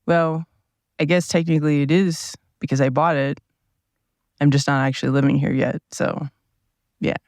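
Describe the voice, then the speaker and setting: A man hosting a casual solo podcast from inside a parked RV, rambling along in a relaxed, meandering way with his low morning voice. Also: moderate pace, pauses often, no room sound. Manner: meandering, relaxed, thinking aloud with many asides. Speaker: podcast host. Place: seated at a table inside a parked RV. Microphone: small mic powered by a tablet.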